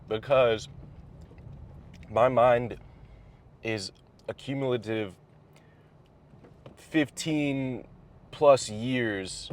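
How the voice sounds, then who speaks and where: A young man, a vlogger, offers casual and reflective personal advice while driving and eating, sometimes talking with his mouth full. He speaks haltingly and thoughtfully, pausing mid-phrase. The recording inside the car is clear, with the rumble of the vehicle and road underneath.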